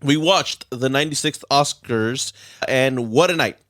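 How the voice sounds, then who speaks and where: A man's voice: medium pitch, unhurried, dry recording. Dry-miked casual podcast host, man. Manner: relaxed, leads the recap with filler words. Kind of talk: casual film podcast chat.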